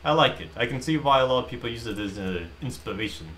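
A man casually retelling a movie plot in a rambling, animated way while streaming a game. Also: medium pitch, fast, a little hiss or hum. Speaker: gaming streamer. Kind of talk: casual commentary while playing.

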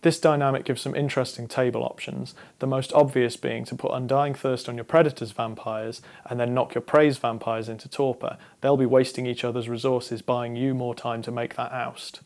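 Young guy reading a scripted card game explainer to camera, steady and measured, mid pitch. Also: vocal fry. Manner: measured, instructive delivery to camera. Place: studio against a dark backdrop.

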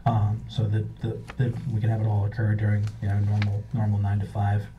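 A man's voice: on the low side, completely flat delivery, brisk. A man applying before a zoning board, answering questions hesitantly with repeated restarts. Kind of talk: public meeting testimony. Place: town meeting room. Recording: distant, dull, faintly noisy mic.

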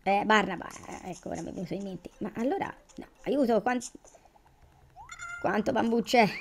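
A woman's voice: medium pitch, normal speed, gravelly, a little hiss or hum. A woman giving casual, chatty commentary on her gameplay, thinking aloud and exclaiming as she goes. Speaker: gamer.

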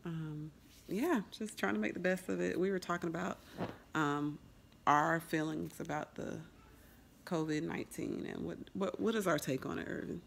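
A woman's voice: fairly low pitch, steady tone, normal speed, gravelly, a little hiss or hum. A young woman chatting casually to her camera at home for a family vlog, upbeat and rambling with fillers. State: out of breath. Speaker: family vlogger. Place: at home indoors.

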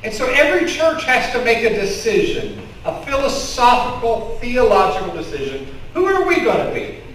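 A middle-aged pastor with a Kentucky accent, in front of a curtain in the church sanctuary, preaches to his congregation as a conversational storyteller, gesturing with open hands. His very high, fairly bright voice swings widely in pitch at a normal speed. Recorded from the congregation through stand and headset mics, it sounds echoey and distant, with slight background noise.

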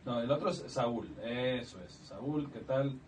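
A middle-aged man from Ecuador, a musician guest on a radio show, talking casually with many halting restarts. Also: medium pitch. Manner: chatty, halting with many restarts, laughs easily. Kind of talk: casual interview chat. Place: small radio studio, indoors. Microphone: studio desk mic, recorded from a far camera. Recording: distant mic, faint room noise.

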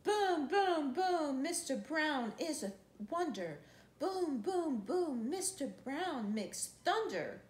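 Her voice sits high and sing-song, and her pace is slow. She's a woman in her thirties reading a children's picture book expressively on an indoor living room couch, stretching words and mimicking noises playfully, with a camera a few feet off picking up roomy, echoey audio and faint noise.

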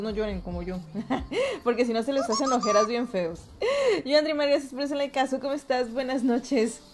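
High-voiced Mexican woman streamer. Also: a little mellow. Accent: Mexican Spanish. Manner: greets chat viewers by name, chatty and upbeat. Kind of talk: casual live-stream chat.

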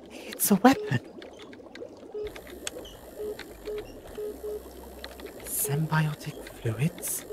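A man acting an eccentric, excitable time-travelling adventurer in an audio drama, theatrical and muttering to himself in stops and starts. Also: fairly high pitch, background noise. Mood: grave, investigating. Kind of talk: full-cast audio drama.

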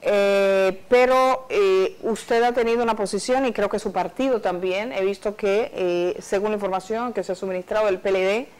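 A woman's voice: mid-range voice, moderate pace, hardly any pauses, darkish tone, smooth, rough recording. A woman hosting a TV studio interview, asking probing questions in a conversational way, recorded on a lapel mic. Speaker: TV host. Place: TV studio set.

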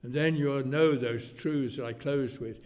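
A man's voice: mid-range voice, unhurried, a little mellow. A man in his eighties preaching a sermon in a rambling, folksy way, his volume rising suddenly to make a point. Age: 80s. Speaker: pastor. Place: church hall. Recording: long church reverb.

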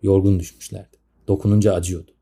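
A man's voice: low voice, flat delivery, fast talker, warm tone, breathy edge. A man in his thirties narrating a comic story in a grumbling, sardonic manner. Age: 30s.

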